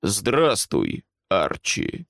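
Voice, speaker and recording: A man reading aloud, playing a stern middle-aged general who talks in a clipped, commanding, measured way. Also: lowish voice, wildly swooping pitch, vocal fry, fairly bright tone, no echo, clean studio sound, exaggerated voice. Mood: menacing.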